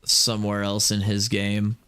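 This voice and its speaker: A man streaming live, chatting casually with viewers in an excitable, filler-heavy way. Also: lowish voice, unhurried, smooth.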